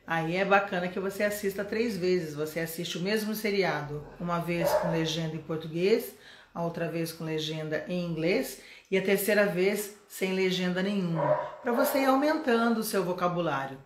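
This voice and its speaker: A woman's voice: fairly low pitch, moderate pace, very noisy. A middle-aged Brazilian woman teaching English in a live online lesson, chatty and coaxing, often asking the viewer questions. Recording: roomy echo.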